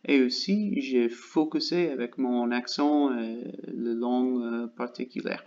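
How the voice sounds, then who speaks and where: An American man talks slowly in learner's French, stopping often to hunt for the next word. His pitch sits in an ordinary middle range. The recording sounds a little dull and lo-fi. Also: vocal fry, a little mellow. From United States. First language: English. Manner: halting learner's French, searching for words with many pauses. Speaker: channel host. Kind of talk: casual vlog update.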